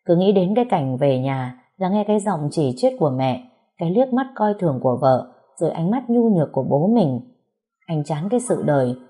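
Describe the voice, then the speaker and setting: A woman narrating an audiobook story in a steady, expressive reading voice. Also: lowish voice, husky.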